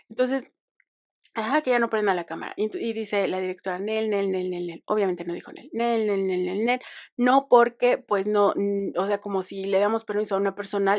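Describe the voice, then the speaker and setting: A woman's voice: medium pitch, darkish tone. A young Mexican woman hosting a podcast, telling a story in a chatty, digressive way with ironic asides. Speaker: podcast host. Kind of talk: casual monologue.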